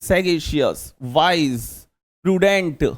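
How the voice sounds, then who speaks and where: A man's voice: fairly high pitch, slow. A man teaching an exam-prep vocabulary lesson, chatty and joking, repeating key words as memory tricks.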